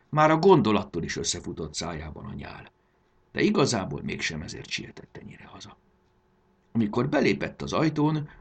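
A man narrating a children's story in a gentle, expressive reading. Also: deep voice, vocal fry, breathy edge.

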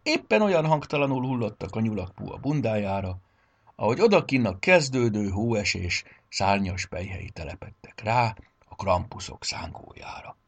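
A man narrating a children's story in an expressive way. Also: fairly low pitch, vocal fry. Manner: expressive, voices the characters.

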